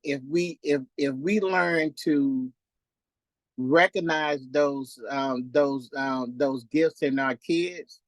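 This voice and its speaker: A man in his fifties joins a faith-based Q&A discussion and talks in halting phrases with many restarts and fillers. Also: a little high, no room sound. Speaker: participant on a call-in Q&A.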